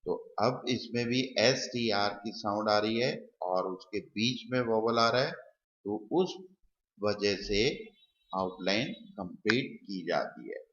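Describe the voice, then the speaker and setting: A man teaching shorthand step by step, talking slowly and repeating the example as he writes them. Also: on the low side, a bit bright, slight background noise. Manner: slow, repeats example words while writing. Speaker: shorthand tutor. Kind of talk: slow step-by-step lesson. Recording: dull, roomy recording.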